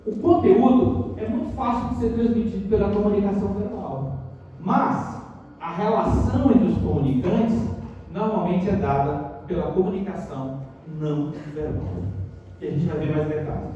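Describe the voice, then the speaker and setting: A man's voice: sits high, normal speed, mellow, muffled recording. A Brazilian Portuguese-speaking man teaching a university workshop, often putting rhetorical questions to his audience. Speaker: university lecturer. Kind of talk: lecture workshop. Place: auditorium. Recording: echoey auditorium from far off.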